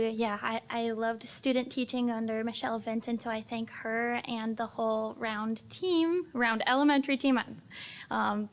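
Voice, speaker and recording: Young woman, 20s, new teacher, earnest thanks, highish and even-toned. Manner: earnest and steady. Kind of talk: thank-you remarks at a board meeting.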